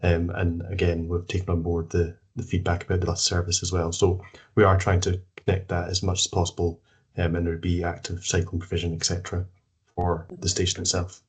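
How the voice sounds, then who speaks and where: A man explains plans formally as part of a project team. His voice is low and flat in intonation, with a slightly husky texture. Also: brisk.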